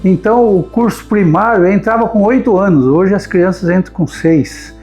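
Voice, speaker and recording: A man's voice: high voice, normal speed, a little mellow, soft background music. A man in his seventies with a Brazilian accent, recounting his past in a rambling oral-history interview and often repeating words while he searches for them. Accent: Brazilian Portuguese. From Brazil, São Paulo state. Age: 70s. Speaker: notary interviewee.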